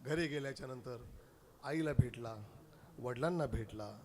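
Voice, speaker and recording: A man with a Marathi accent preaching a devotional kirtan sermon, acting out the story's voices and moving between hushed telling and loud sung cries. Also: medium pitch, moderate pace.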